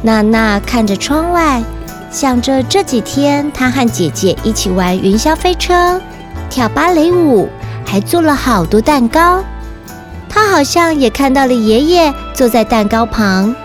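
With a high-pitched, expressive voice and faint music behind her, a woman with a Taiwanese Mandarin accent narrates stories at a measured pace. She hosts a children's story podcast, speaking directly to her little listeners like a kids show host.

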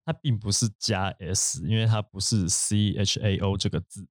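A man's voice: on the low side, fairly even intonation, moderate pace, no room sound, clean studio sound. A man hosting an English vocabulary lesson, explaining at length with fillers and asides. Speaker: podcast host.

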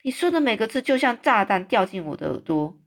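A woman voicing a huge, gentle, friendly male giant in a storybook read-aloud, talking in a raised, fussy, complaining tone. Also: medium pitch, sing-song, a little fast, creaky.

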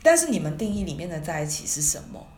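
A woman's voice: lowish voice, sing-song, quick pace, crowd noise. A woman hosting a podcast in casual chat, often laughing and chiming in with short agreements. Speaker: podcast host. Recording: echoey room with faint hiss.

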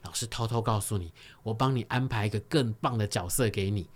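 A man with a Taiwanese Mandarin accent playing a sly schoolteacher who coaxes with drawn-out phrases, as he retells a story in a radio studio. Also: fairly low pitch, pitched below the performer's own voice, lightly acted. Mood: coaxing.

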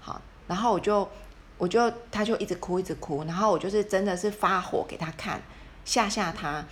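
Chatting casually, a woman shares a story about raising her kids, voicing the dialogue of the scenes she retells and often starting sentences over. She speaks briskly at a medium pitch.

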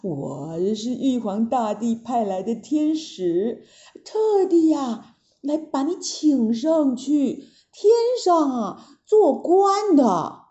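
A woman voicing an old, fawning male heavenly envoy in a storybook tale, speaking slowly and haltingly. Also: high-pitched, sing-song, dark tone, dull audio, exaggerated voice. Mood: coaxing. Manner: slow, halting and polite.

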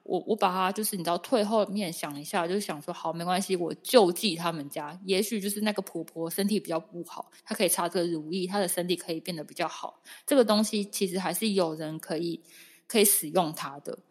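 A woman in her thirties telling a personal story in casual chat, emphatic and animated, often acting out what others said. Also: fairly low pitch, brisk, husky. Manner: animated, emphatic, acts out quotes. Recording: echoey room with long reverb.

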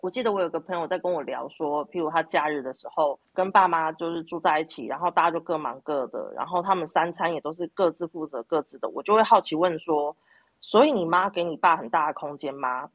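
A woman's voice: deep voice, quick pace, hardly any pauses, no room sound. A woman with a Taiwanese Mandarin accent telling anecdotes in casual chat, quoting bits of dialogue as she goes.

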